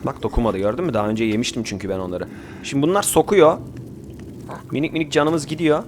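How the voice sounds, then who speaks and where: A fast-talking young man with a medium-pitched voice plays a survival game over a noisy background. His casual commentary mixes chatter, orders to his group, and sudden outbursts.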